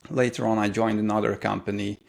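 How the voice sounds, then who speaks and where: A career mentor in his thirties from Hungary is the guest in this interview, answering in Hungarian-accented English. He's thoughtful but hesitant, leaning on lots of fillers. The voice is on the low side and creaky, delivered flatly and fairly quickly.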